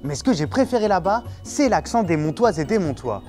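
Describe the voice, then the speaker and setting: A man with a high-pitched voice presents a popular neuroscience segment a little fast, narrating in a lively, playful, explanatory way and quizzing passers-by on the street. Soft music plays in the background.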